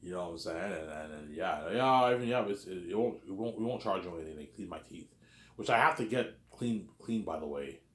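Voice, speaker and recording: A vlogger in his thirties rambles through a personal monologue in an animated, fairly quick voice that sits low. He repeats himself and keeps tagging on "obviously" and "man," and the recording has a roomy echo.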